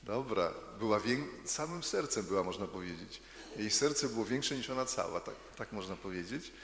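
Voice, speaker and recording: Low, gravelly male storyteller, chatty, asks the kids questions, echoey hall with a long reverb. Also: lively intonation, moderate pace, fairly bright tone. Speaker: storyteller for children. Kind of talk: storytelling to children.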